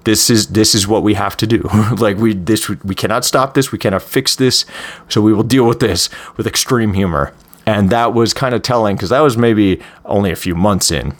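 Low-voiced man telling stories casually. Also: moderate pace. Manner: candid, conversational, many fillers and restarts. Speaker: podcast host. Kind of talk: first-person storytelling.

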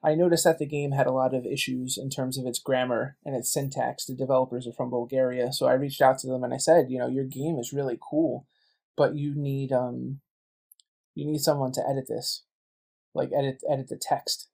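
A man's voice: medium pitch, little pitch movement, fairly quick, creaky, darkish tone. A man guesting on a podcast, chatting casually and telling stories full of quoted back-and-forth. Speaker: guest, game writer and voice actor.

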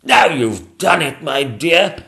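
A man's voice: on the high side, big pitch swings, slow pace, creaky, bright, forceful tone, voice pushed up, exaggerated voice. Man doing a pompous, fussy old king. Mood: accusing.

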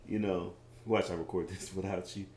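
A man with a deep radio voice co-hosting a podcast, telling stories in a laid-back, animated way. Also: normal speed, reverberant. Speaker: podcast co-host. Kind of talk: casual chat.

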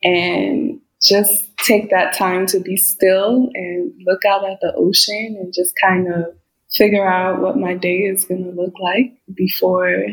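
On a low-quality recording, a middle-aged business coach with a creaky voice on the low side talks reflectively in a casual interview. She's originally from Liberia but grew up in the US, and her earnest speech is full of "you know."

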